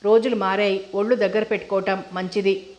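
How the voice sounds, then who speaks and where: A woman reads as a jealous, sharp-tongued young woman who scolds in short, curt lines. The tone stays flat and even, like a novel read aloud. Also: medium pitch, brisk, natural voice. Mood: scolding.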